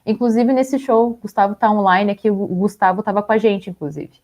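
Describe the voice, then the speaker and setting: A young woman co-hosts a live stream, casually chatting and laughing lightly as she goes through photos. Her voice is medium-pitched with a darkish tone, and she talks briskly, using lots of fillers and little laughs.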